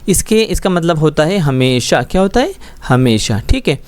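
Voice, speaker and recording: A man's voice: fairly high pitch, very animated, clean tone, dry recording. A man teaching a schoolbook Urdu lesson, explaining words patiently and often checking that students follow. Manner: patient, explains slowly with frequent check-ins.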